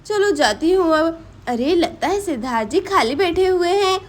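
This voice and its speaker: Woman voicing Pinky, a high whiny pleading wife. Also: animated, moderate pace. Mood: chatty. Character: young wife, pleading and sulky. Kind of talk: doll story voice acting.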